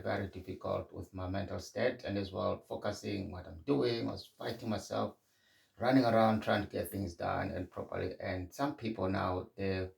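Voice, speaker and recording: A middle-aged Zimbabwean man hosts a podcast alone, speaking candidly and reflectively in a conversational monologue with frequent restarts. His fairly low voice has vocal fry and is a little mellow, recorded from a distance in a reverberant space.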